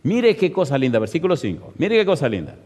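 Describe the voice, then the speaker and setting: A man's voice: a little high, very animated, quick pace, a little mellow, long reverb tail. A male pastor preaching a sermon, telling a story with emphasis and firing rhetorical questions at the congregation.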